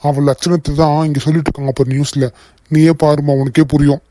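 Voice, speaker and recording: A man voicing a grumpy older father-in-law in a cartoon, gruff and complaining. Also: fairly high pitch, level tone, quick pace, dark tone, dry recording, studio quality, close to an everyday voice. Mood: grumbling. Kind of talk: cartoon voice acting.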